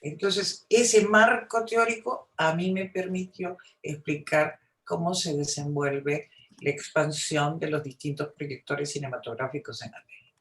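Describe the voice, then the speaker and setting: A woman's voice: low-pitched, measured pace, fairly bright tone. A woman from Peru with a Peruvian Spanish accent gives an informal academic talk in a conversational way, often adding little tag questions. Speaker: academic, film historian speaking at a seminar. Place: seminar room, indoors. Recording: echoey room sound.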